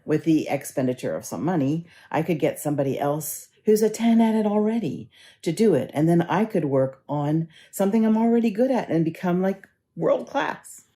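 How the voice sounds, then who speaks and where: A woman minister giving a conversational sermon, telling stories and gently guiding her congregation through a ritual. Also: lowish voice. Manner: conversational storytelling, gently instructive.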